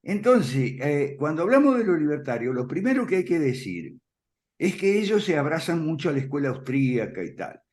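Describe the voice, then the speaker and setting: Man explaining firmly, slightly high voice. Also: very animated, fairly quick. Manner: frequent "¿ok?" check-ins and soft chuckles; emphatic, repeats points firmly. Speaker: guest speaker on classical liberalism. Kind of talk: conversational explanation.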